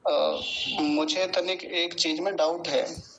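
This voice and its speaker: A man's voice: a little high, steady tone, slow pace, vocal fry, fairly bright tone, highs cut off, slight background noise. A man teaching a patient online class, drawing out words to show how they are pronounced, heard over a video call. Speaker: Sanskrit teacher.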